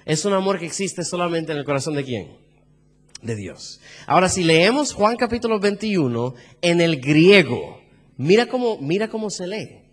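A man's voice: high voice, sing-song, normal speed, long reverb tail. A man with a Caribbean Spanish accent preaching a sermon, quizzing the congregation with questions as he goes.

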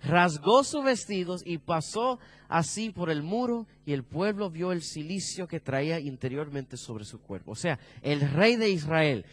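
A man preaching a sermon, asking the congregation questions and dropping his voice low for emphasis. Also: animated, measured pace.

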